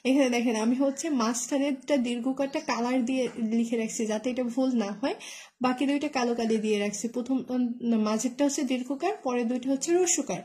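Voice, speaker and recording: A woman's voice: a little high, brisk, mellow, husky. A woman tutor, teaching an online spelling lesson and spelling words out letter by letter with many fillers. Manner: explains with memory tricks, asks "right?".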